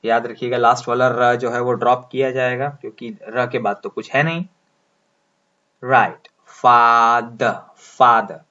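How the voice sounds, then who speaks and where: A man's voice: medium pitch, fairly even intonation, fairly bright tone. A man teaching English pronunciation, explaining step by step and drawing out each sound as he writes it. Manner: slow, deliberate, drawing out sounds as he writes symbols. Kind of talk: explaining lesson, speaking Hindi. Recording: dull lo-fi sound.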